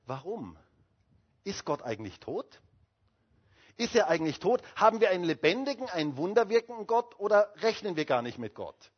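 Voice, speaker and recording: A male pastor preaching a sermon with emphatic calls and rhetorical questions to the congregation. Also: a little high. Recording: dull lo-fi sermon recording.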